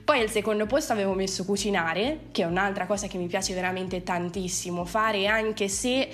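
A woman's voice: medium pitch, normal speed, fairly bright tone. Chatty enthusiastic woman. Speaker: guest. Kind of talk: casual monologue.

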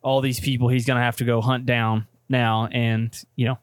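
Chatty, excitable man on a podcast. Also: mid-range voice, moderate pace, clear, resonant tone, no room sound, studio quality. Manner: enthusiastic, chatty, many fillers. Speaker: podcast co-host. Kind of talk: casual movie chat.

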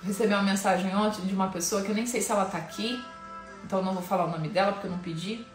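A woman from Brazil with a Brazilian Portuguese accent, hosting a devotional live-stream talk for women in a candid, informal and emotionally expressive way. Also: mid-range voice, rapid-fire, reverberant, soft background music.

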